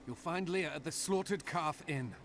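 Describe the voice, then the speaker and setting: A man's voice: fairly high pitch, moderate pace, crowd noise, natural voice. An actor playing an urgent male town guard in a fantasy video game. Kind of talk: video game character acting.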